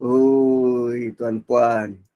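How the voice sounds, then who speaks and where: A man giving a Quran reflection lecture. He is expressive and swings between soft and loud delivery. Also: mid-range voice, drawn-out words, dull audio. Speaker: religious teacher.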